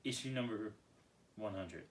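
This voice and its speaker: A young man co-hosting a casual chat, curious and full of quick questions and reactions. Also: on the low side, slight background noise. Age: young adult. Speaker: co-host asking questions.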